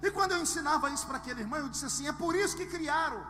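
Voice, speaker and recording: A pastor from Brazil preaching a dramatic sermon with humorous storytelling and acted dialogue, swinging between hushed tones and shouting. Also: male voice, very high-pitched, racing. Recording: live sermon with long hall reverb and music underneath.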